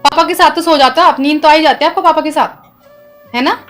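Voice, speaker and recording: A woman in her thirties with a high voice, coaxing and soothing her child in a casual home vlog. She talks softly and patiently, and faint music plays behind her. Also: fairly quick. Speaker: vlogger, mother. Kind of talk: casual family vlog talk.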